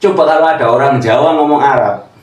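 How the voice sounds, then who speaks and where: A man giving an informal religious lesson, explaining slowly and acting out pronunciations. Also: medium pitch. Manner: slow and explanatory, acts out pronunciations. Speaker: religious teacher. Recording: echoey room, distant from the mic.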